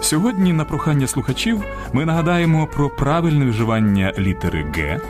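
A man's voice: expressive, fairly quick. A man co-hosting a radio program, reading a script with emphatic delivery. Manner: emphatic, highly varied intonation. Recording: radio studio with faint music.

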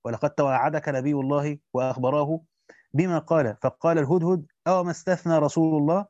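A man reads a classical text at a brisk clip, his voice sitting a little high. He breaks off now and then for short asides to his students. The recording is dry and dull, with a lo-fi sound. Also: steady tone, a little mellow, no echo. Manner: quick recitation with brief spoken asides to students. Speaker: teacher reading a Quran commentary. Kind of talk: reading a classical text aloud with commentary.

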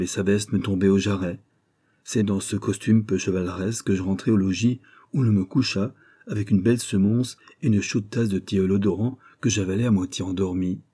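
A man reading a literary story aloud in a measured, expressive way. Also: lowish voice, slightly rough. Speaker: audiobook narrator.

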